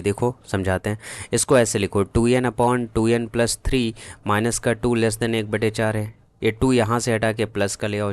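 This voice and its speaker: A man's voice: fairly low pitch, smooth, no room sound. A man teaching an exam-prep math lesson, working through problems step by step and often checking that his students follow, in a casual, familiar tone. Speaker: math tutor.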